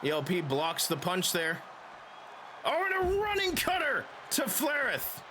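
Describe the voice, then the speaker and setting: A man giving excitable play-by-play as a wrestling commentator, shouting and stretching out the big calls. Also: high voice, a little slow, background noise.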